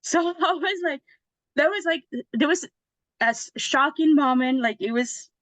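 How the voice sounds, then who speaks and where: A woman's voice: high-pitched, expressive, measured pace, fairly bright tone, dry recording. A woman, a lawyer telling her story in a casual interview, chatty with many restarts and tag questions. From Mexico. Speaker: guest lawyer.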